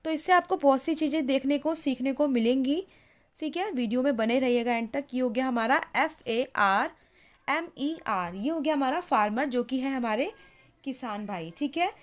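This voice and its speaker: Woman, high voice, English teacher, spells words slowly, keeps repeating herself. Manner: repeats words and keeps saying "theek hai". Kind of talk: chatty classroom-style lesson.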